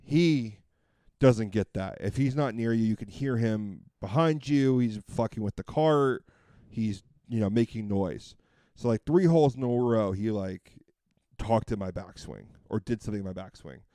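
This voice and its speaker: A man's voice: on the low side, normal speed, warm tone, no room sound, studio quality. A man co-hosting a podcast, telling a long casual story with lots of fillers and restarts. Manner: rambling, full of fillers and restarts. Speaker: podcast co-host.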